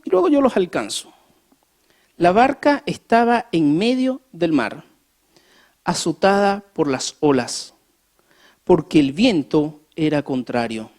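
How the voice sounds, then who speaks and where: Preacher mid-sermon, animated storyteller, rhetorical questions to the congregation. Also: mid-range voice. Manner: acts out scenes with rising emphasis. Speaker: pastor. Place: church.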